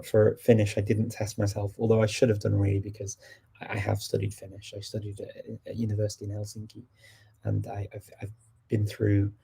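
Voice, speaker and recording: Hosting a language-learning livestream, a British man chats in a relaxed manner and fields viewers' questions as they come in. His fairly low voice sounds gravelly, with a breathy edge.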